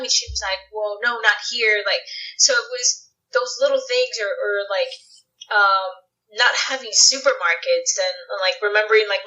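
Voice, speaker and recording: A woman with a bright, forceful voice talks as an interview guest. She tells personal stories in a reflective way, full of "like" and "uh". The sound is a bit dull and lo-fi. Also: medium pitch. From United States. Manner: reflective, storytelling with many fillers. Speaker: guest actress. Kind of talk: casual interview conversation. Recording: dull lo-fi podcast audio.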